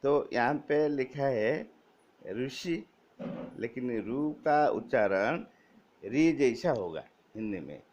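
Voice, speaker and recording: A man teaching Hindi vowel signs to schoolchildren, slowly spelling out each sign and reading word lists aloud one word at a time. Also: medium pitch, expressive, darkish tone. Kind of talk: Hindi grammar lesson for children. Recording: dull lo-fi recording.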